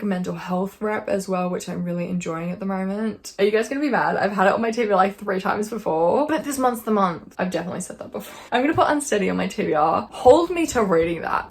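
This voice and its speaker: A woman book vlogger chatting to camera at home by her bookshelf, excitable and thinking out loud. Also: mid-range voice, creaky. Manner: excitable and chatty, thinks aloud, with bursts of squealing. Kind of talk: casual chat to camera.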